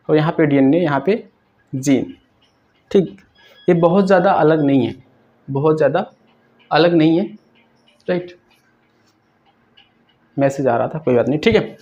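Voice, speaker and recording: A man's voice: fairly high pitch, a little mellow, lo-fi sound. A man teaching a science lesson who asks questions, answers them himself and keeps checking "right?".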